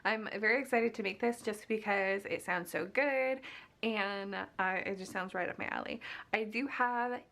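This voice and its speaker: A woman's voice: mid-range voice, normal speed, creaky, pushed and bright. A young woman with the hiccups hosting a casual cooking vlog, chatty, giggly and self-deprecating as she works. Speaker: cooking vlogger.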